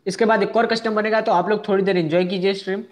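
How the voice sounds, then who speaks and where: A man's voice: high-pitched, fairly even intonation, fast talker. Young guy live streaming a game, chatty, answers chat nonstop, keeps repeating stuff and begging for likes. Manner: chatty, answers viewers' chat messages one by one; repeats phrases, asks viewers for likes.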